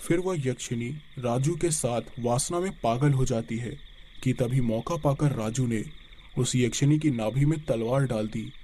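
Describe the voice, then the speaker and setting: Male narrator for spoken horror tales, steady delivery, dark mellow timbre. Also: mid-range voice, measured pace, a little hiss or hum.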